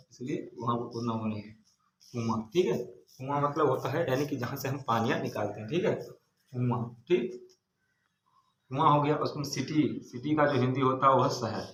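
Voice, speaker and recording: A man's voice: mid-range voice, a bit bright. Man spelling out words in an echoey classroom. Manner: spells words letter by letter, then repeats the meaning with "ठीक है". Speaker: English teacher. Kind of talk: classroom vocabulary lesson. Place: large classroom. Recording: echoey room, faint background noise.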